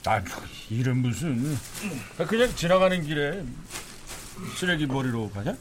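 A middle-aged man playing a boastful, grumbling father in a radio drama, quick to shout. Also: fairly high pitch, sing-song, slight background noise. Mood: joking. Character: blustering, idle middle-aged dad.

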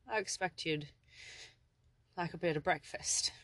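An audiobook narrator voicing an elderly Irish manservant with a gravelly voice and polite, old-fashioned speech. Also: medium pitch, a little slow, fairly bright tone, no room sound. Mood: courteous. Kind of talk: audiobook character voice.

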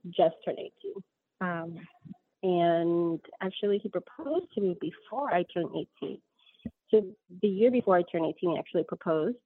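Heard over a tinny, dry line, a woman in her 30s with a lowish voice is a guest in an interview. She rambles as she tells stories, laughing often and frequently correcting herself with plenty of ums.

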